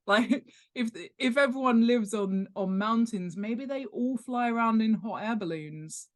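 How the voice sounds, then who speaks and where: Her voice a little high and her intonation lively, a woman from the UK talks slowly as the guest on a relaxed interview. An author and world-building expert, she explains her points with emphasis and pokes fun at herself.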